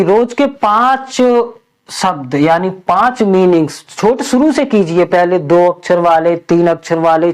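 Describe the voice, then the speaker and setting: A woman teaching English spelling in a slow lesson, spelling out letters one by one and asking and answering her own questions. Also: mid-range voice.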